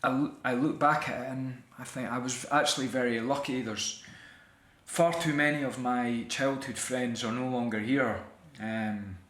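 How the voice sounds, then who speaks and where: A man's voice: medium pitch, steady tone, moderate pace, fairly bright tone, roomy sound. A middle-aged Scottish man, an actor and writer, talking reflectively as an interview guest with many restarts and fillers. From Scotland.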